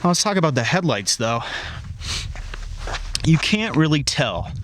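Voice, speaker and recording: A man's voice: a little high, big pitch swings, unhurried, a bit bright, a little hiss or hum. A man shooting a casual car walkaround vlog outdoors in freezing weather, chatty and loose with lots of filler words, breathing a little hard from the cold. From Colorado. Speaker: car vlogger.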